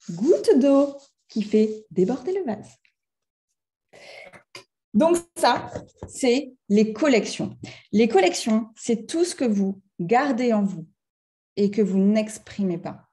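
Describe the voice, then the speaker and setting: A middle-aged French woman giving a lively talk on emotions to a live audience. She speaks to them directly and acts out little scenes in other voices. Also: medium pitch, takes it slowly, long pauses. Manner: chatty, addresses the audience directly. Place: conference room with a live audience.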